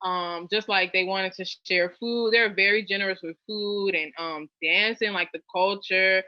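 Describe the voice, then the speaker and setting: A young woman from New Orleans in the US South chats casually as an interview guest at normal speed, full of fillers and lively, animated rises in pitch. The sound is dull, lo-fi and dry.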